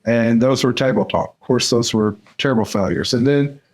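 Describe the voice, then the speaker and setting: An older man from Central Arkansas speaks in a relaxed, unhurried way and fills his pauses with "uh". He talks like a veteran surgeon explaining his field in a podcast interview, with a voice in the middle of the usual male range. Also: mid-range voice. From Central Arkansas, USA. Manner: unhurried, with many "uh" fillers. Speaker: dental surgeon and course mentor.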